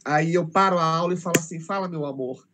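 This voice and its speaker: Animated high-voiced Brazilian man. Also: fast talker, background noise. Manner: animated, emotional, acts out children's voices. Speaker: teacher, interview guest. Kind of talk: casual storytelling conversation.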